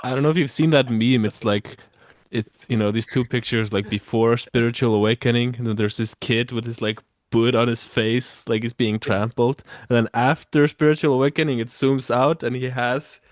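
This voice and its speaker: Mid-pitched co-host man, dry sound. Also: steady tone, normal speed, no echo. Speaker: podcast co-host. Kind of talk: casual podcast conversation.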